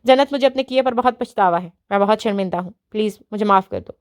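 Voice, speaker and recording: A woman's voice: mid-range voice, dry recording, clean studio sound, lightly acted. A woman voicing a remorseful, broken man who pleads for forgiveness. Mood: pleading.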